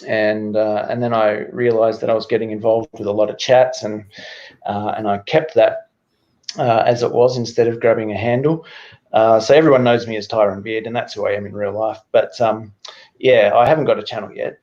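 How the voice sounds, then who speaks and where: A man's voice: fairly low pitch, normal speed, lo-fi sound. A man with an Australian accent, talking casually and hesitantly as a guest in an online chat. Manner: relaxed, hesitant with many ums.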